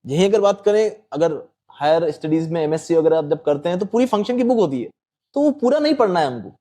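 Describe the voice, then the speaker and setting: A man's voice: a little high, expressive, fairly quick, dark tone. A man explaining maths exam strategy patiently, politely addressing the host as sir. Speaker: quant teacher. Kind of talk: explanatory panel talk.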